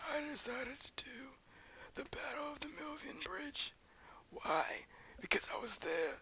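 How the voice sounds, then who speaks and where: A man's voice: very high voice, bright, forceful tone, a little hiss or hum, heavily acted, rough recording. A young man putting on the voice of a rambling old man who says he lived through ancient history, presenting a school project. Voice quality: creaky whispery old-man voice. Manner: wandering, folksy storytelling.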